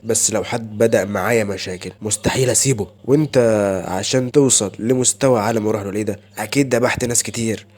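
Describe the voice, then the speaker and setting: A man's voice: medium pitch, fairly even intonation, fast talker, a little mellow, lightly acted. A man with an Egyptian accent voicing a cold, firm young male hero in a fantasy recap. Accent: Egyptian Arabic.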